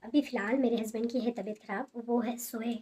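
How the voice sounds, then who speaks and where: A young woman talking softly and casually at home, showing sarees in a haul video with many fillers. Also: on the high side, steady tone, brisk, slight background noise. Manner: soft, hushed talk with many fillers. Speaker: fashion vlogger showing sarees. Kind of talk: casual product haul chat.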